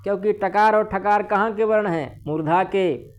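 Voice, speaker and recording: A male teacher giving an online grammar lesson. He explains step by step, asks questions and answers them himself, and says his examples slowly and more than once. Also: sits high.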